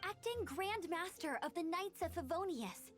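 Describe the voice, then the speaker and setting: Young female knight guide for an anime game: extremely high, earnest, proclaiming, with strong music underneath. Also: expressive, normal speed. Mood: earnest, confident. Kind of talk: scripted anime video game voice acting.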